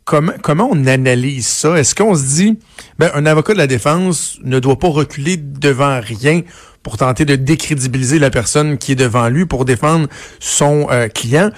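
A man's voice: medium pitch, moderate pace. Male host with a Quebec French accent, conversational and hesitant, building questions for a guest. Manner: conversational, many fillers and restarts while framing questions. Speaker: radio host. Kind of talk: morning news interview.

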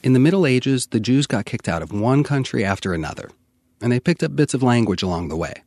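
A man's voice: medium pitch, animated, fast talker, darkish tone, dry recording. A man narrating a scripted radio feature as a reporter.

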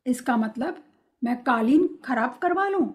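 A woman's voice: sits high, animated, a little slow, darkish tone. A woman voicing an irritable, stubborn middle-aged father who barks orders, in a read-aloud story. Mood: irritated. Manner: gruff, commanding.

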